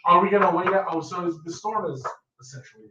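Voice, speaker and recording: A man's voice: sits high, fast, noisy background. A man playing a tabletop game, chatting animatedly and laughing often. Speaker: player. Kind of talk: casual chat at a tabletop game. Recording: dull, roomy sound from a distant mic, with chatter behind.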